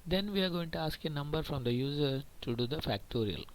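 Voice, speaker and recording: In a screen-recorded programming lesson, a male computer teacher explains patiently, repeats points, and often checks in with "okay." His voice is a little high, animated, and a little fast, and the recording is low quality.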